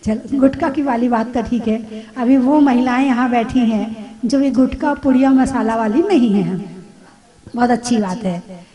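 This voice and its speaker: A woman delivers a spiritual discourse in a high, mellow voice. She talks to her listeners conversationally, asking rhetorical questions and adding light humor. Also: unhurried. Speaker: Jain nun giving a discourse. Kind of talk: sermon.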